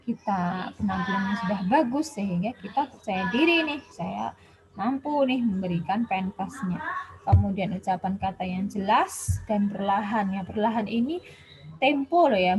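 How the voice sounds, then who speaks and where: A woman gives a relaxed spoken lecture, chatting along with plenty of fillers. Her voice sits at a middling pitch for a woman. The recording is dull and muffled, like a basic lo-fi voice memo. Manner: chatty, with many Javanese-flavored casual fillers. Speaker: health education lecturer.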